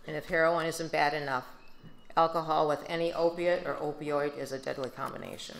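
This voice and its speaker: An older woman with a Midwestern American accent, giving a steady, subdued prepared speech at a podium into a handheld mic. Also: sits low, fairly quick, vocal fry. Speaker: grieving mother giving a speech. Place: large banquet hall. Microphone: handheld microphone. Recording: echoey banquet hall.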